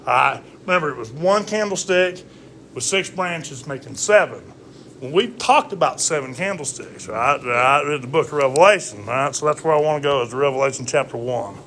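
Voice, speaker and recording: A man leading a casual Bible study, reading scripture aloud slowly and checking in with listeners by asking "all right?". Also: a little high, fairly bright tone, slight background noise.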